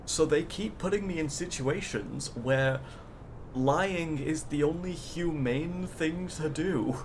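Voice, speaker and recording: A man's voice: on the high side, takes it slowly, a little hiss or hum. A man doing casual live commentary as he streams a video game, with wry, joking reactions.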